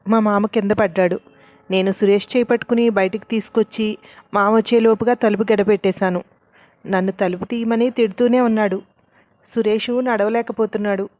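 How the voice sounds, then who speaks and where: A woman tells a dramatic story in a plain, steady reading voice. The recording is dry and close, with a dull, lo-fi tone. She stays even throughout as she carries the characters' lines. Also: medium pitch, no echo. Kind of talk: scripted story narration.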